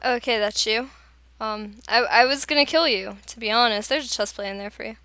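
Brief: woman host of a gaming channel, exasperated and teasing, slightly high, smooth voice. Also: fairly quick, no echo. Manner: exasperated, teasing, sudden loud outbursts. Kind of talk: casual gaming chat.

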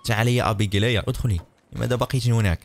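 A young man giving excited, chatty commentary on a video game and talking to his viewers. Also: fairly low pitch, racing, vocal fry. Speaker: gaming YouTuber. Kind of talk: let's play commentary.

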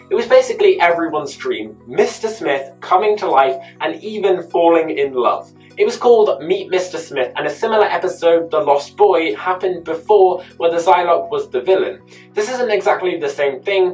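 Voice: mid-range voice, lively intonation, moderate pace. A YouTube host giving a scripted episode recap narration, adding chatty personal asides. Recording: distant mic with faint music behind.

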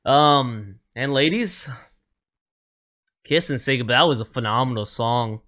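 An emotional man gives casual reaction commentary, his voice bright and pushing forward. He sounds moved and gushing. He tags "man" onto nearly every phrase. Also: mid-range voice, unhurried. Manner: excited, says "man" after almost every phrase. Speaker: music reaction host.

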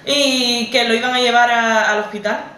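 A young Canarian woman tells a personal story straight to camera. Her voice sits a little high for a woman. She keeps circling back and repeating herself as feeling builds. The sound is roomy and set back from the mic. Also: fairly even intonation, normal speed, bright, forceful tone, distant mic. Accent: Canarian Spanish. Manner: emotional, repetitive, conversational retelling. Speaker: vlogger.

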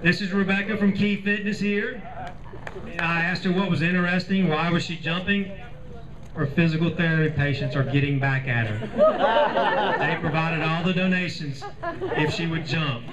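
Jovial high-pitched man announcing to a crowd. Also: moderate pace. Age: middle-aged. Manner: jovial, teasing crowd-working. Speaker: event host, announcer. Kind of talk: live, unscripted event announcing with banter. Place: outdoors in a parking lot by a pool. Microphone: handheld PA microphone, picked up by a distant camera. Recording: distant lo-fi PA sound, crowd noise. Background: loud crowd.

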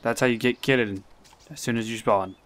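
A young man commenting live on his gameplay, talking to himself and getting excited. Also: mid-range voice, moderate pace. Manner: excitable, talks to himself, swears and laughs.

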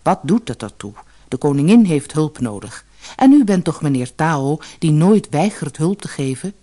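A woman's voice: low-pitched, sing-song, moderate pace, mellow. A woman voicing a brusque, impatient stranger dressed in grey, from a storybook recording. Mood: insistent. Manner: impatient, insistent.

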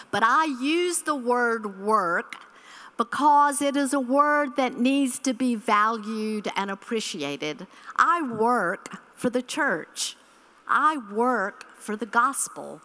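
Slow, bright-voiced woman preaching a keynote. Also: a little high. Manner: earnest, preacher-like, repeats key phrases. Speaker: keynote speaker. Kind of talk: church conference keynote address. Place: large conference hall stage at a podium. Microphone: podium microphone.

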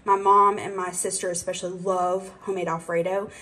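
A woman's voice: fairly low pitch, little pitch movement, brisk, bright, forceful tone, low-quality recording. A young woman hosting her own cooking channel, chatting casually through a grocery haul in her home kitchen. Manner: chatty, rambling, with fillers and asides.

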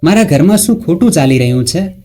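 A man voicing a worried older mother-in-law who asks quiet, anxious questions in a storybook narration. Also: fairly high pitch, animated, fast talker. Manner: soft questioning, turning stern.

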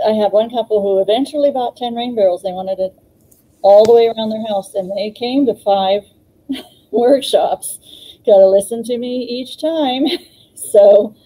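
On a low-quality recording, a woman's slightly high, mellow voice comes through as she co-hosts a live online garden clinic via video call. She's in her fifties and works as an extension educator. The chat is casual, like a typical live stream, with frequent ums and small laughs.

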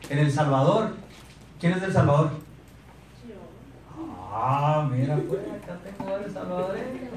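In a meeting room with a projector screen behind him, an animated sales speaker in his thirties, with a Mexican accent, holds a mic and throws questions to his audience as he motivates them. His voice leans high, and the echoey recording comes from a distance.

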